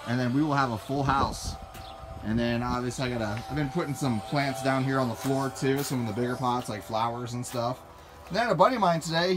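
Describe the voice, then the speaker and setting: A man casually vlogging as he walks through his greenhouse and yard, upbeat and rambling, filmed on a handheld phone. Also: medium pitch. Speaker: gardening vlogger. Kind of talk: casual walk-and-talk vlog. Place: backyard greenhouse and yard, outdoors. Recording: noisy outdoor phone recording. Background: outdoor ambience, passing train.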